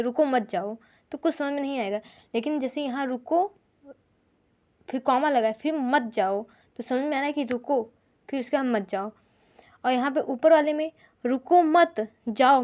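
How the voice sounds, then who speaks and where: Woman teacher, high voice, patient step-by-step explainer of grammar examples. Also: darkish tone. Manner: explains slowly with examples, pointing at notes. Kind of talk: Hindi grammar lesson.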